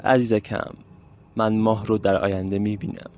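An actor playing a gentle, affectionate old grandfather in an audio drama. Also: medium pitch, lively intonation, soft background music, lightly acted. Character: kind, teasing old grandfather.

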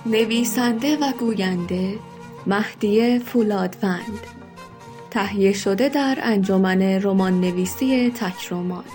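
A woman formally reading the credits of a story. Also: mid-range voice. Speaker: announcer of credits. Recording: voice over loud music.

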